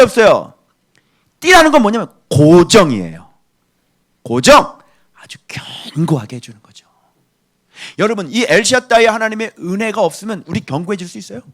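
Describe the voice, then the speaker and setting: This sermon comes from a middle-aged pastor whose high-sitting voice moves between loud, forceful bursts and soft, hushed asides, all delivered emphatically.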